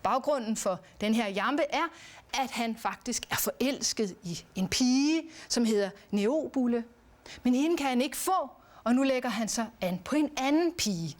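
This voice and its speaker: A woman giving a recorded lesson on poetry, speaking in a measured way and chanting verse rhythms aloud. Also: a little high, animated, darkish tone. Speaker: teacher. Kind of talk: educational lecture.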